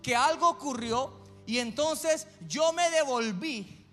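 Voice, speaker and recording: A man's voice: extremely high pitch, slow pace. A male pastor preaching a sermon in a church, telling stories dramatically. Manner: dramatic storytelling. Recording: church hall reverb, soft music.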